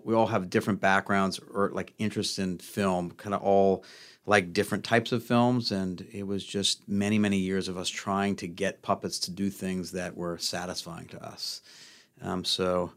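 A man's voice: low voice, clear, resonant tone. A man from New Orleans, a puppetry company director, talking casually in a podcast interview with lots of fillers and restarts. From New Orleans, USA. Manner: relaxed, rambling with many fillers.

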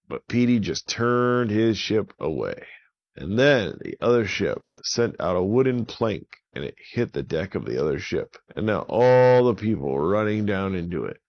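Man narrating a kids' story, gravelly, low voice, dull lo-fi sound, relaxed improvised telling.

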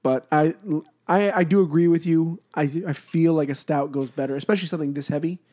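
A man's voice: on the high side, steady tone, fairly quick, warm tone. A man with congested sinuses and a nasal sound, chatting casually as host of a beer podcast. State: congested from cat allergy. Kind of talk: casual chat.

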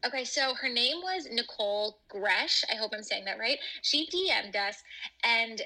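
A woman's voice: fairly high pitch, lively intonation, normal speed, bright, forceful tone, poor audio. A woman co-hosting a casual podcast chat, her voice coming from a phone on speaker and re-recorded by a microphone, chatty with lots of "like" fillers. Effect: voice from a phone on speakerphone, re-recorded by a mic. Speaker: podcast co-host. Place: at her home. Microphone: phone on speaker, picked up by the other host's microphone.

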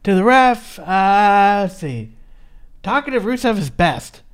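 Lively-voiced casual wrestling recap host. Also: medium pitch, slow pace, clean tone. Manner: chatty, swears casually, reads from notes. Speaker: podcast co-host.

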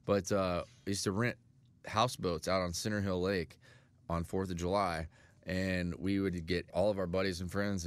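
A man hosting a casual chat, telling a story about a friend with lively restarts and frequent laughs. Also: low voice, no echo. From Nashville-based. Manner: animated, repeats and restarts, laughs often. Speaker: podcast host.

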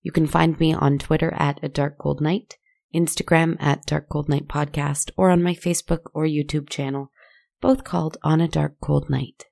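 A woman with a deep voice and a gravelly fry at its edges hosts a spooky bedtime horror podcast. Her tone is dark and soft, and she speaks gently and soothingly, as a storyteller sending listeners off to sleep. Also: fairly even intonation, normal speed. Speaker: podcast writer, host and narrator.

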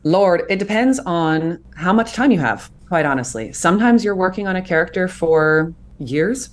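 A voice actor in her thirties, interviewed as a guest, speaks earnestly and reflectively about her craft, growing animated when she explains things. Her voice is fairly low in pitch and her pace is moderate.

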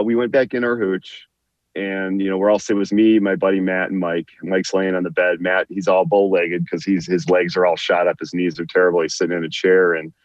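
A man's voice: sits low, no room sound. A man who is a guest on a talk show, telling a long personal story and often repeating and restarting his words. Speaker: guest, veteran author. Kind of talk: storytelling in an interview. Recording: muffled dry lo-fi line.

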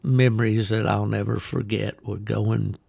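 An older American man from West Virginia chats casually as a podcast host, rambling and folksy with a gravelly voice. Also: on the low side, little pitch movement, a little slow, darkish tone, no echo, studio quality. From West Virginia, United States. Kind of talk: casual chat, reminiscing. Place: at home in a hot room he calls a sauna, fan and ice bucket.

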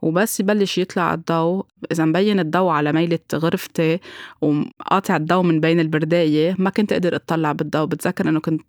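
Brief Lebanese woman, rapid candid testimony, dry close sound. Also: sits low, fairly even intonation, a little mellow, no room sound. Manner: candid, reflective, mixes in English words. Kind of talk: personal testimony.

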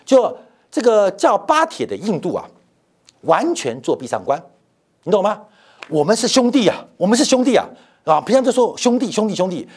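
A man's voice: fairly high pitch, husky. A middle-aged man hosting a financial commentary show, emphatic and rhetorical, repeating phrases to drive points home.

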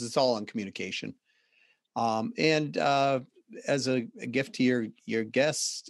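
A man in his fifties with a Boston accent, a podcast guest telling stories in an earnest, reflective way with halting restarts. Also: medium pitch, dry recording, clean studio sound. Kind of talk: casual interview talk.

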